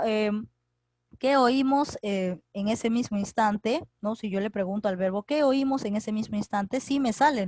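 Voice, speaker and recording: A woman's voice: mid-range voice, darkish tone, no echo. A middle-aged woman, teaching an online grammar class and explaining step by step with frequent tag questions. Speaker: secondary school teacher. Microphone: computer mic in a video class.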